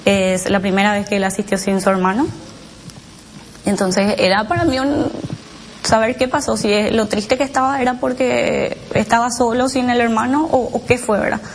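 A mother recounting her child's experience in halting, emotional personal testimony, with many restarts and tag questions. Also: on the high side, fairly even intonation, slight background noise, poor audio.

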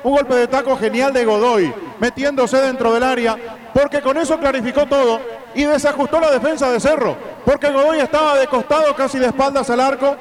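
Very high-pitched male football analyst. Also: steady tone, fairly quick. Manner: emphatic, recapping the play step by step. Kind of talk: excited match analysis.

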